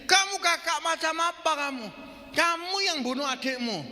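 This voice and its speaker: A man voicing a reckless young criminal twin who shouts and pleads. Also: extremely high pitch, moderate pace, in a large hall, voice pushed up, heavily acted. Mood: furious. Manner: shouting, pleading, raised and strained.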